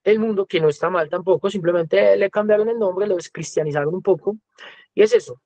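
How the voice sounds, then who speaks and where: A man's voice: sits high, a little fast, mellow, dry recording. A man with a Colombian accent giving an educational talk as a music teacher, lecturing conversationally. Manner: conversational lecturing, often acting out quoted voices. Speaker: music teacher, guest speaker.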